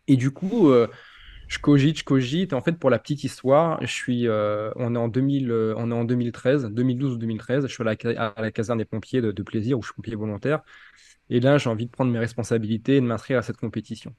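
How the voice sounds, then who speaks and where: A man in his forties from France, talking through his own story in a relaxed interview. He slips in and out of acted-out quotes with plenty of hesitations. The recording is close and dry, with no room sound. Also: mid-range voice, quick pace, no echo. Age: 40s. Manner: animated storyteller, acts out dialogue, many fillers. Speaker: interviewee, ultra triathlete.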